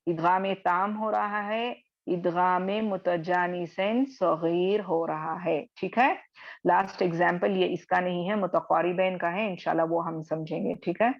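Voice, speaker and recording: A woman teaching a recitation class over a video call, patiently explaining and slowly repeating each example. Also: on the low side, dull audio. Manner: slow drawn-out recitation of examples. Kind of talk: online class lesson.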